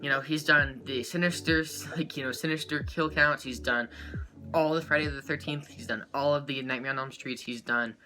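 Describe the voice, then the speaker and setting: A man giving a rambling, excitable life update to his viewers as a small YouTuber, full of fillers and quick laughs. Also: medium pitch, faint music behind. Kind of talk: casual chat to camera.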